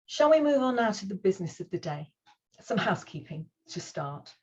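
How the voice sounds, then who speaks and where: A woman's voice: mid-range voice, very animated, fairly quick, darkish tone, breathy edge, dull audio. A woman hosting an online conference over a video call, speaking in an earnest, reassuring way as she opens the day and introduces the first speaker. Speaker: conference host.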